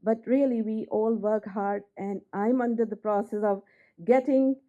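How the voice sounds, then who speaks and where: A woman's voice: fairly high pitch, steady tone, unhurried, phone-quality sound. A woman from Pakistan giving an unscripted graduation testimonial, hesitant with many fillers. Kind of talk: unscripted ceremony speech.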